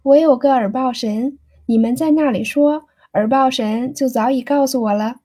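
A woman's voice: sits high, moderate pace, mellow. A woman voicing an impatient, teasing young society woman in an audiobook reading, pressing and playful.

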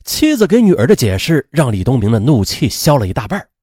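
A man's voice: medium pitch, sing-song, fast, darkish tone, slightly rough, no room sound, clean studio sound. A man narrating a true-crime story dramatically and emphatically.

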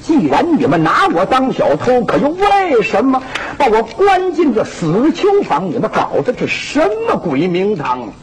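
A man's voice: sits high, unhurried, hardly any pauses, heavily acted. A man with a Shandong accent voicing a cocky yet courteous young male outlaw hero who speaks boldly, on a hissy old recording. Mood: indignant. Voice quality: bold, lively.

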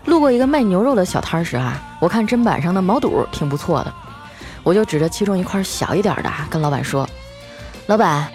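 Woman, comic storytelling host, animated lilting pitch, chatty, music in the background. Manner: chatty, drawn-out sentence-final particles. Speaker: streaming host.

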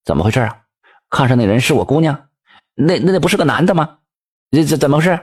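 A man voicing a middle-aged shopkeeper, quick to anger but holding himself back. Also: fairly high pitch, expressive, husky, pitched above the performer's own voice. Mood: bewildered. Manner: blustering, exclaiming. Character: middle-aged male shopkeeper, hot-tempered but restrained.

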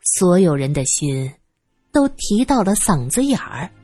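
Husky lady reading a story, lively and expressive, dry sound with soft music. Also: fairly low pitch, a little slow, dry recording. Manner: expressive, acting out the scenes. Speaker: narrator. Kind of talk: storytelling audiobook narration. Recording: dry close voice with faint music.

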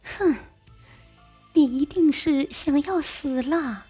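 A woman doing a sharp-tongued young fox spirit. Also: animated, a little slow, breathy edge, soft background music, exaggerated voice. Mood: indignant. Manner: scolding, high and insistent.

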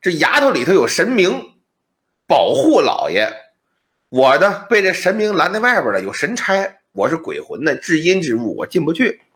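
A man's voice: fairly high pitch, wildly swooping pitch, moderate pace, fairly bright tone. A man voicing a wronged ghost in a pot. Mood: plaintive.

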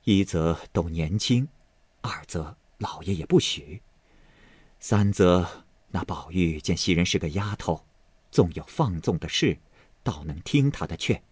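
Man doing a soft sorrowful older lady. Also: sits low, animated, unhurried, breathy edge, dry recording, exaggerated voice. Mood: measured. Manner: soft, tearful, hushed.

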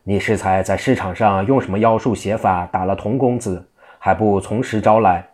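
A man's voice: lowish voice, fairly even intonation, normal speed, a little mellow, natural voice. A man voicing a stern, hot-tempered middle-aged prefect giving commands. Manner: commanding, scolding.

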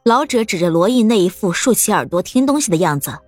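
A woman narrating an audiobook story in a steady, expressive storytelling manner. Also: mid-range voice, quick pace, no echo, faint music behind.

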